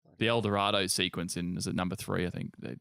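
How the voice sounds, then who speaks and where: Aussie bloke rambling about games, kinda low voice, swears a lot, dry sound. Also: male voice, fairly even intonation, fast talker, vocal fry, pushed and bright, no echo. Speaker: podcast co-host. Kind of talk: casual podcast chat.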